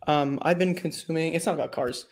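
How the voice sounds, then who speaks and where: A man's voice: on the high side, steady tone, brisk. A man around twenty asking a question on a video call, polite and hesitant with many ums. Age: 20s. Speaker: caller.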